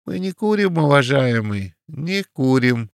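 A man voicing a small, excitable young man who cries out indignantly. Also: moderate pace, creaky, no room sound, studio quality. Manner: shrill, indignant.

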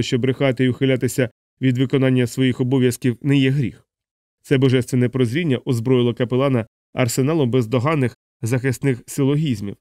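A man reading a novel aloud in steady, even scripted audiobook narration. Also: medium pitch, dry recording, clean studio sound.

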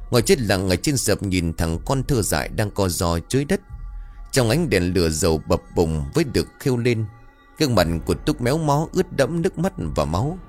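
Deep-voiced man narrating a dark tale. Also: fairly quick, faint music behind. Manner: expressive, dramatic. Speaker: storyteller. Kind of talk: dramatic story narration.

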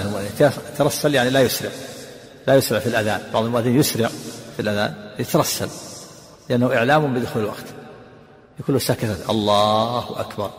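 A man teaching a lesson, explaining a text to his students in a patient lecturing manner and answering their questions briefly. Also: medium pitch. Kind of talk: classroom lecture commentary. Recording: long reverb of a large hall.

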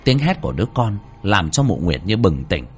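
A man's voice: deep voice, sing-song, a little fast. A man reading a horror story aloud in a dramatic, swinging delivery, with faint music underneath. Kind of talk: scripted horror narration.

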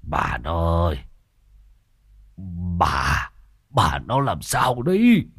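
A man's voice: extremely low pitch, takes it slowly, darkish tone, slightly rough, no room sound, clean studio sound, pitched below the performer's own voice, exaggerated voice. A man voicing a feeble, bedridden old grandfather in a spoken ghost story, calling out in a weak, faint drawl. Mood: weak pleading.

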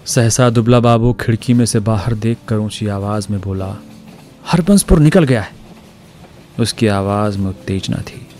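A man narrating a story in a steady, measured way. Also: on the low side, a little hiss or hum. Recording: narration with faint music.

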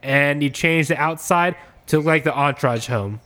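A man casually riffing on a comedy pitch, rambling with lots of "like" and "you know". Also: normal speed, fairly bright tone. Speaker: comedy podcast host pitching ideas.

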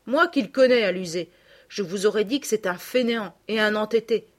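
A woman's voice: mid-range voice, brisk, lightly acted. A woman voicing a kindly rustic peasant boy with folksy country speech. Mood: consoling.

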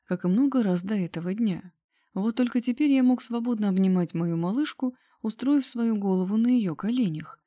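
A woman narrating a first-person story as an audiobook, in steady storytelling. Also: mid-range voice.

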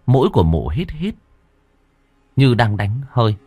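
A man reading a horror story aloud in a dramatic, expressive way. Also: medium pitch, a little slow, no room sound. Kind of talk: scripted horror story narration.

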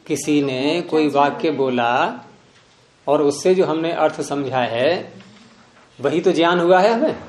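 In a room full of students, a man teaches philosophy, his fairly high voice echoing around him. He leans on questions throughout, repeatedly nudging the class with "hmm?".

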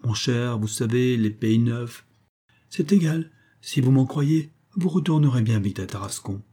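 A man's voice: mid-range voice, animated, unhurried, warm tone, slightly rough. A man reading the part of a jovial, mocking middle-aged sea captain in an audiobook. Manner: laughing, mocking, familiar.

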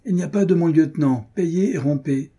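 A man's voice: mid-range voice, expressive, fast, mellow, breathy edge. A man voicing an indignant army lieutenant who barks orders in a raised voice. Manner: barking orders. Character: angry, blustering male army lieutenant.

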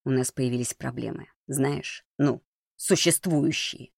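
A man reading a storybook plays a cold, mocking young man who speaks in a low, measured way. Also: vocal fry, no room sound, clean studio sound.

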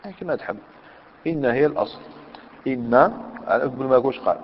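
A man's voice: medium pitch, fast talker. A man with an Algerian Arabic accent teaching a grammar class, quizzing his students and switching between everyday dialect and recited verse. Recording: dull lo-fi recording in a long-echo hall, faint noise.

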